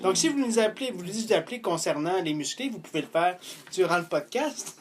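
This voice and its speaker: Teasing Quebec co-host, high lively voice. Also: male voice, a little hiss or hum. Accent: Quebec French. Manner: teasing, playful, quick to laugh. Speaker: podcast co-host. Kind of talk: casual podcast banter.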